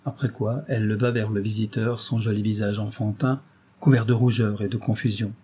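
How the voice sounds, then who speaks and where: Man, audiobook narrator, measured storytelling, dark timbre, husky. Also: on the low side, fairly even intonation. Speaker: audiobook reader. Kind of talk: scripted narration of a novel.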